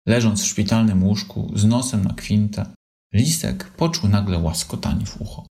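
A man narrating a children's story in an expressive, animated way. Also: on the low side, moderate pace, gravelly.

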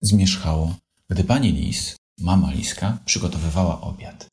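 A man narrating a children's story in an expressive, animated way. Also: low voice, moderate pace.

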